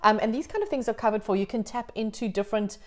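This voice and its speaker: A woman hosts a conversational interview, an upbeat yoga teacher whose manner is encouraging and reassuring. She talks fast in a medium-pitched voice with a darkish tone.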